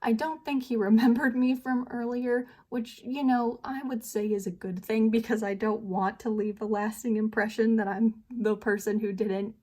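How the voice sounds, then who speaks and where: A woman's voice: fairly high pitch, fairly even intonation, normal speed, few pauses, darkish tone. A young American woman vlogging at home, telling a story in a chatty, self-deprecating way with frequent laughs while she does her makeup. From United States. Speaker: beauty vlogger.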